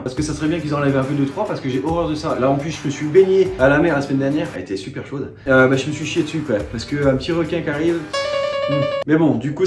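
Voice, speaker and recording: A man's voice: medium pitch, a little mellow, roomy sound. A young man vlogging from his living room, rambling in slangy, self-mocking chatter with many fillers. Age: young adult. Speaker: YouTuber. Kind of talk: casual vlog storytelling.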